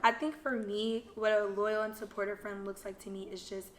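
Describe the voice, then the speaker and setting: A woman's voice: medium pitch, level tone, brisk. A young woman co-hosting a podcast, talking earnestly and emphatically in casual chat. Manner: earnest, emphatic, thinks aloud with repeats. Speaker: podcast co-host.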